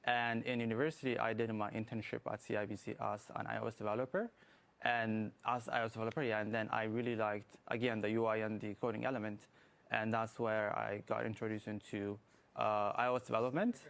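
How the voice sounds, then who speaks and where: A young man from Ethiopia answering questions as a guest in a TV interview. His voice sits low and carries a gravelly rasp. He talks in halting bursts, stopping often on "uh" and "like". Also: level tone, a bit bright. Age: young adult. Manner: halting, many fillers like "uh" and "like". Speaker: guest, student app developer. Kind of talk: morning TV interview.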